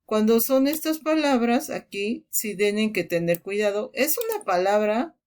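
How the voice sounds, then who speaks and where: A woman's voice: mid-range voice, lively intonation, measured pace, darkish tone, smooth. A woman language teacher giving a recorded lesson, explaining step by step and repeating each example word. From Mexico.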